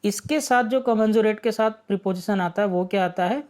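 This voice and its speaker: Speaking with a high, slightly mellow voice at a moderate pace, a man leads an online exam-prep vocabulary lesson. He explains words patiently, poses rhetorical questions, and keeps checking in with his students.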